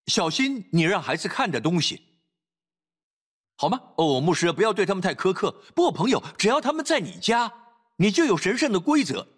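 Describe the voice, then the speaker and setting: A male pastor preaching a sermon, reading scripture and exhorting parents, swinging between loud urging and low quiet asides. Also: very animated, normal speed, breathy edge, soft background music.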